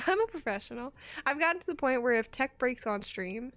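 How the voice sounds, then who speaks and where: A woman's voice: sits high, animated, moderate pace, fairly bright tone, no echo. A woman streamer in casual live-stream chat, chatty and self-mocking, laughing often and swearing casually.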